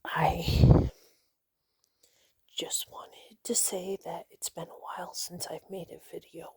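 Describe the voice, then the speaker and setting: Nervous whispering woman, halting speech. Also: fairly low pitch, level tone, warm tone. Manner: whispering, halting, many fillers and restarts. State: nervous and shaky. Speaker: vlogger. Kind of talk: personal confessional vlog.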